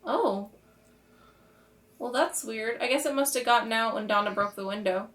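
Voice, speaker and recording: A woman with a slightly high, somewhat bright voice talks at an ordinary pace. She's a player at a tabletop game, casually improvising what her character says and does in an informal, conversational way.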